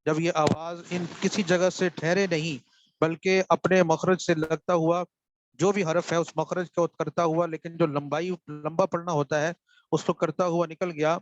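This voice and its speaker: A man's voice: on the high side, little pitch movement, no room sound, highs cut off, faint music behind. A man with a Pakistani Urdu accent teaching the rules of Quran recitation in an online class. He patiently repeats each answer and checks that the students follow. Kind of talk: online lesson, reading out questions and explaining.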